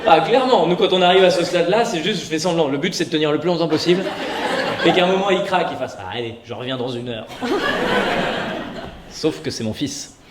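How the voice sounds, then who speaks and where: A man's voice: a little high, fast talker. Chatty man doing stand-up in echoey room. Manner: chatty, rambling, self-mocking. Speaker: stand-up comedian. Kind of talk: stand-up comedy set. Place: stage before a live audience. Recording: echoey venue with loud noise.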